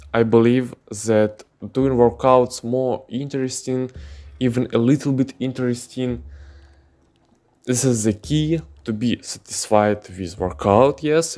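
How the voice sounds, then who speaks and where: His voice is medium-pitched and mellow as the Ukrainian fitness host, Russian his first language, speaks slowly and haltingly in English, leaning on lots of fillers. It's a casual podcast monologue, given indoors while he sits on pillows.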